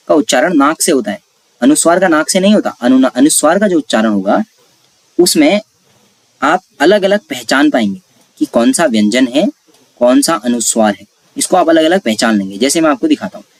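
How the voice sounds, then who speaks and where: A man's voice: medium pitch, dry recording. Man teaching Hindi grammar, dry sound. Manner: explains step by step, asks and answers his own questions. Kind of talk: exam-prep classroom lesson.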